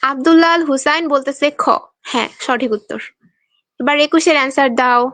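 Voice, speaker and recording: A woman's voice: sits high, brisk, a bit bright, dry recording. A young woman from Bangladesh teaching an online exam-prep class, quizzing students and reading their answers aloud with a playful, teasing manner.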